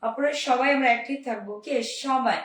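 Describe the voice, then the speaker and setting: A young woman from Bangladesh, hoarse today, selling clothes on a live stream with upbeat, repetitive calls to her viewers. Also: sits high, fast. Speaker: online clothing seller. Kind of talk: live-stream sales pitch. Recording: roomy, mic at a distance.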